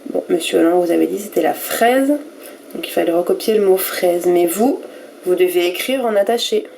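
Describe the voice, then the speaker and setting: A woman teacher giving a recorded reading lesson to young pupils, sounding out each letter and syllable slowly and with care. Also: fairly low pitch, creaky, warm tone, slight background noise. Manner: slow and careful, spelling out letters and syllables one by one. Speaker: primary school teacher.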